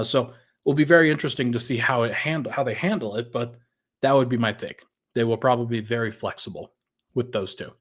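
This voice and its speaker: A man hosting a casual sports podcast, thinking aloud in a conversational way and sounding a little out of breath. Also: medium pitch. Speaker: podcast host.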